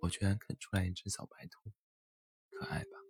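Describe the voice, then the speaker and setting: A man's voice: sits low, a little fast, creaky, a little mellow, faint music behind. A man voicing a sweet, playful young female bunny in a children's storybook, talking in a bubbly, teasing way.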